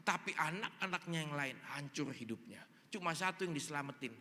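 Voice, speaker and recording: A man's voice: a little high, lively intonation, fairly quick, sharp tone. A male pastor preaching a sermon, telling a story animatedly and acting out the dialogue. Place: large church hall. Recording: long reverb in a large hall.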